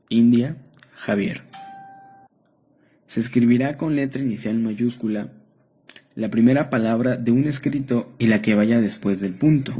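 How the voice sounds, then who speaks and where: Husky-voiced man reading a lesson. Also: mid-range voice. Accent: Mexican. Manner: steady, measured reading of rules and word lists. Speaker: student presenter. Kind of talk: read-aloud lesson narration.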